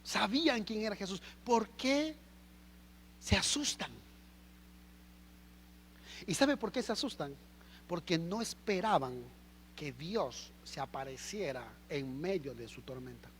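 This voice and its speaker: A Mexican man preaching a sermon as pastor, animated and full of rhetorical questions. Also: on the high side, takes it slowly, long pauses, long reverb tail, slight background noise. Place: church hall.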